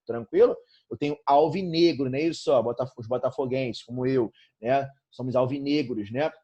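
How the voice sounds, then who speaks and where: Warm and husky, this mid-range male voice moves at a moderate pace, and the recording has its highs cut off. The speaker is from Brazil and has a Brazilian Portuguese accent, leading a lively grammar lesson where he constantly checks on students and calls them "irmão" and "galerinha."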